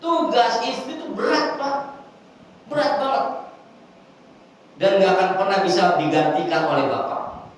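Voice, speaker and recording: A man giving a humorous, animated religious lecture to a congregation, acting out little scenes as he goes. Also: high voice, moderate pace, pauses often, slight background noise. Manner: animated, jokey, acts out scenes. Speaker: preacher. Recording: echoey hall from far off with faint ambience.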